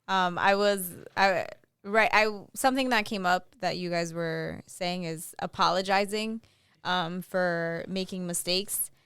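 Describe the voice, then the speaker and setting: A woman's voice: fairly low pitch, measured pace, fairly bright tone, clean tone, no room sound, clean studio sound. A woman co-hosting a casual podcast chat, giving advice in a playfully boastful coaching tone and checking in with "right?". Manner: talks in bursts with many "right?" and "um". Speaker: podcast co-host.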